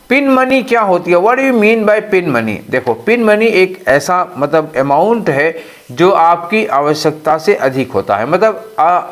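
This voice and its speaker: A man teaching English for an exam, explaining in a mix of Hindi and English and asking and answering his own questions. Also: high voice. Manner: slows way down to read out English phrases. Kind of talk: exam-prep lesson.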